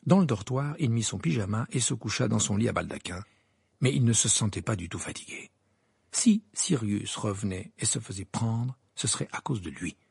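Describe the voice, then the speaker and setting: Gravelly expressive audiobook narrator. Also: mid-range voice, normal speed, no room sound, clean studio sound. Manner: expressive, varied delivery. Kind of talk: storybook narration.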